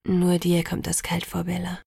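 Woman murmuring as a gentle young vampire man. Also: completely flat delivery, normal speed, vocal fry, breathy edge, no echo, studio quality, full character voice. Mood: tender. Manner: soft, low, murmuring.

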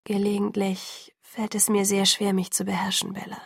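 A woman's voice: medium pitch, flat delivery, fairly quick, gravelly, no room sound, clean studio sound. Woman reading a curt, angry teenage boy. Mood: tense, restrained. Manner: clipped, tightly controlled speech.

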